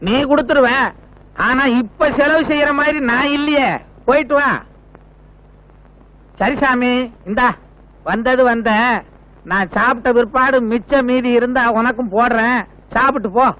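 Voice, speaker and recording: A man's voice: extremely high pitch, steady tone, a little slow, long pauses, pushed and bright, full character voice. An actor playing a greedy, money-minded male guru who talks to pilgrims with scorn, in 1980s film dialogue. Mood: scornful. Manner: scornful, mocking.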